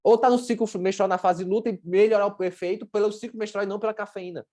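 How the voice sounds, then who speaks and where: A woman's voice: medium pitch, steady tone, fast talker, dark tone. A woman with a Brazilian Portuguese accent teaching a workshop in a blunt, chatty way, with slang and acted-out examples. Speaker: workshop presenter, sports nutrition. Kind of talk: informal teaching talk.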